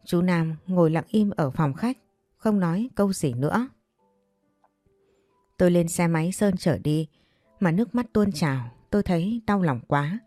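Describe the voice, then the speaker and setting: Woman narrator, low voice, dry close sound, faint music under. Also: lively intonation, normal speed, pauses often, warm tone, no echo. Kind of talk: audio story narration.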